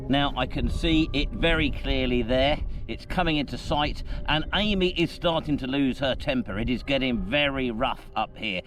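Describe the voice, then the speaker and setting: A man's voice: mid-range voice, moderate pace, hardly any pauses, music in the background. A man presenting an outdoor vlog, chatty and self-mocking, recorded on a camera mic on an exposed hilltop. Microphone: camera mic carried outdoors. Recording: heavy wind and rain noise outdoors.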